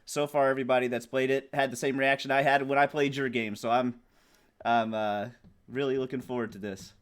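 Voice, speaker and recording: A man's voice: medium pitch, flat delivery, brisk, smooth. A man chatting casually as a guest about his party game, enthusiastic and joking. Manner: enthusiastic, jokey. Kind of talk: casual chat.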